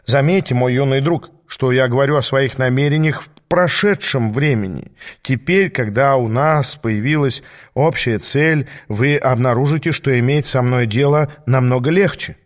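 A man reading the part of a sly male devil who turns shrill and panicky when pressed, in an audiobook. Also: normal speed, close to an everyday voice. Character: fussy, sly, easily rattled male devil.

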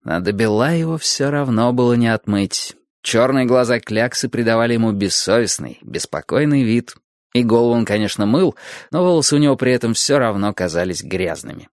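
A male audiobook narrator with a mid-pitched voice and a lively, expressive pitch line. He tells the story in a measured way. The sound is dry and close to the mic. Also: no echo.

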